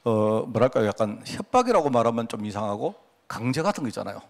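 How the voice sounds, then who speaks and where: A man's voice: mid-range voice, big pitch swings, quick pace. Male pastor, mid-range voice, chatty sermon delivery that keeps checking in with the congregation. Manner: conversational, poses rhetorical questions to the congregation; acts out quoted prayers and remarks.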